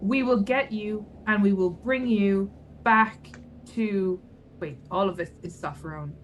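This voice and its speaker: A woman's voice: mid-range voice, unhurried, highs cut off, a crowd in the background. A woman chatting casually as a player in a tabletop role-playing game. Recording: clear background noise.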